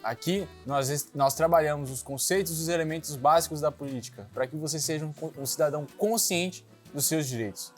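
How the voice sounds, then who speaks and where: A man in his twenties hosting a casual political interview show, relaxed and joking, with frequent listening sounds. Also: fairly high pitch, brisk, few pauses, faint music behind. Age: 20s.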